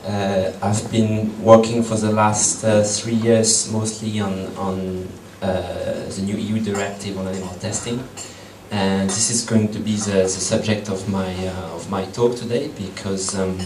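A man in his thirties with a French accent, whose first languages are French and Portuguese, gives a hesitant talk to an audience in a meeting room, full of ums and restarts. His voice is fairly low, level and measured. A distant room camera captures him in an echoey space with background noise.

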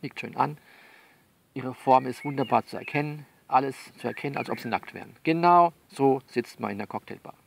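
A man with a gravelly, mid-range voice talks fairly quickly as he performs his own audio novel. It's a conversational, improvised one-sided monologue in which he coaxes and bosses a listener along, often repeating himself.

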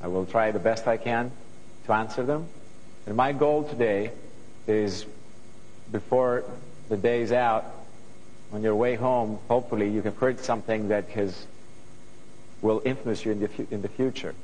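A man's voice: fairly low pitch, normal speed, long pauses, a little mellow, big-room sound, rough recording. A middle-aged man with a Greek accent, speaking earnestly to a student audience on a studio stage through a lapel mic and often restarting his sentences. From Greece. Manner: earnest, thoughtful, with frequent restarts. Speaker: guest composer.

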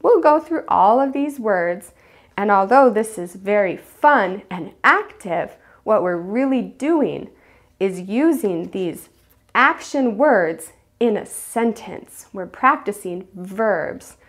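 A woman teacher explaining a classroom game for small children, acting out the children's shouts and whispers. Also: mid-range voice, slow pace. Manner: animated, acts out children's voices. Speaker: preschool teacher. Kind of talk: teaching demonstration.

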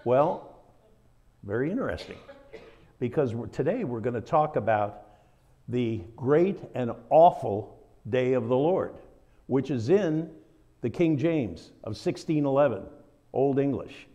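Man, Southern American accent, Bible study teacher, folksy asides, middle pitch, somewhat muffled church recording. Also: animated, measured pace, pauses often, mellow.

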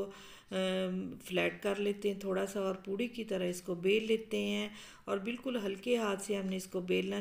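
Gravelly-voiced woman explaining a recipe. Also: medium pitch. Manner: calm, explanatory, with frequent um fillers. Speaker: cooking show host. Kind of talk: step-by-step cooking instructions. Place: home kitchen.

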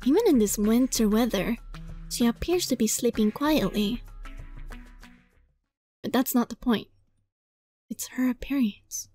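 A woman with a slightly high, unhurried voice and long pauses hosts a gaming video, giving an expressive read of a visual novel. Giggly asides pepper it, the recording has no echo, and game music plays behind her.

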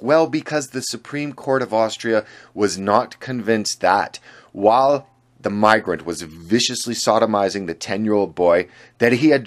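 Male host, lowish voice, scripted commentary read with a sardonic, indignant edge. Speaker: channel host. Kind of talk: scripted political commentary voice-over.

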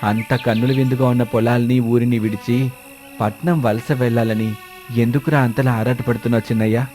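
Steadfast farmer husband, calm and firm; a man voices him, cartoon story. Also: mid-range voice, brisk, faint music behind, lightly acted.

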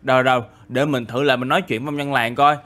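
A man's voice: mid-range voice, steady tone, racing, pushed and bright. A young man, narrating a game story in a chatty, exclaiming way. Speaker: gaming YouTuber. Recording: faint background music.

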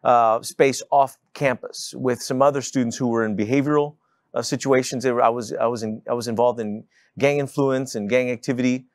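A man, a guest telling stories in a studio interview, quick and witty, lapel mic. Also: mid-range voice, no echo. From Texas. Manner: quick, witty, animated storyteller. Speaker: guest, public speaker. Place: city studio set with sofa chairs.

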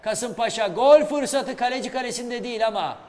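A man giving excitable live play-by-play commentary on a football match. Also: extremely high pitch, normal speed, slight background noise. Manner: excitable, shouts at goals and chances. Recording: reverberant hall sound.

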